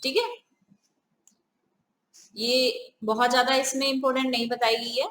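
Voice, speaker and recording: A woman's voice: sits high, little pitch movement, a little slow, a bit bright, reverberant, poor audio. A woman teaching a grammar lesson step by step, often asking the viewers questions. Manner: repeats "ठीक है", asks the viewers questions.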